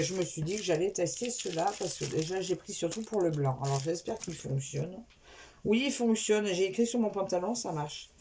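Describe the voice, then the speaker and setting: A craft vlogger chats casually while unboxing craft supplies, drifting between topics and correcting herself along the way. Her mid-range voice has a darkish tone, and a little hiss or hum sits in the recording.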